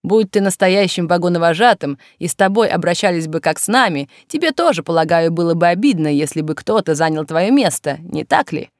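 A woman's voice: lowish voice, expressive, brisk, few pauses, no room sound, clean studio sound. A woman voicing a male strike leader who talks earnestly and persuasively to a fellow worker. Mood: persuading. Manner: pleading, persuasive, direct.

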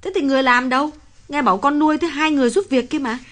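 A man voicing a soft-spoken older mother. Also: sits high, brisk, voice pushed up, lightly acted. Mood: surprised. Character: caring older mother, gently curious. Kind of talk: audiobook character voice.

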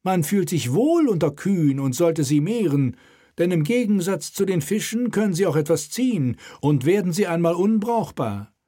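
A man's voice: sits high, sing-song, moderate pace, mellow, voice pushed up. A male reader voicing a smug, self-satisfied dike inspector who explains things at leisure.

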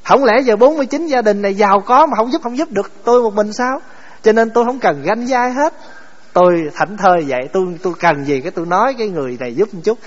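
A contented poor villager, as a monk puts him on. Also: male voice, sits high, animated, fast talker, in a large hall, highs cut off. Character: cheerful poor village man, contented and humble.

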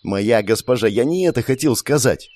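A man's voice: mid-range voice, expressive, normal speed, a little mellow, no echo, lightly acted. A man reading an audiobook voices the harried young hero himself, muttering and exasperated.

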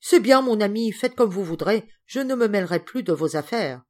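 A woman's voice: medium pitch, animated, moderate pace, a little mellow, close to an everyday voice. Woman doing a melodramatic old-maid cousin. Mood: indignant. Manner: exclamatory, melodramatic. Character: excitable, indignant middle-aged spinster cousin.

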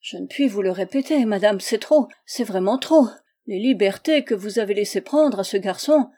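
A woman's voice: medium pitch, animated, normal speed, warm tone, lightly acted. A woman reading a storybook, voicing a prim lady-in-waiting who is scandalized and indignant. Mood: distressed. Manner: indignant, outraged outbursts.

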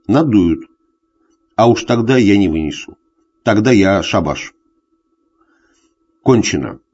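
A man's voice: lowish voice, mellow, lo-fi sound, heavily acted. A man voicing a drunk, jealous middle-aged husband who rants at his wife in a hollow, tearful voice. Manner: hoarse tearful bullying rants.

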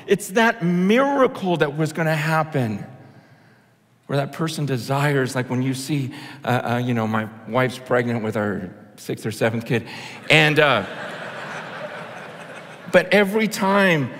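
A man's voice: mid-range voice, expressive, a little slow, a bit bright. A male pastor giving an impassioned, conversational sermon, often restarting his sentences. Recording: long hall reverb.

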